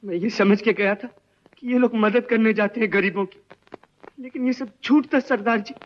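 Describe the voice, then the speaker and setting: A man playing a high, pleading village informant. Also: normal speed, lightly acted. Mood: accusing. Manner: pleading, emotional, swears oaths. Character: desperate young village informant, pleading and pious. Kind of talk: old film melodrama. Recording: dull old film soundtrack.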